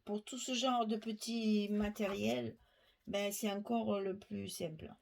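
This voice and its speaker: Slow, chatty woman crafting. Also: mid-range voice, steady tone, creaky, a little mellow, a little hiss or hum. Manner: chatty, explains while working, asides to viewers. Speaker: crafting tutorial host. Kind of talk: step-by-step craft demonstration.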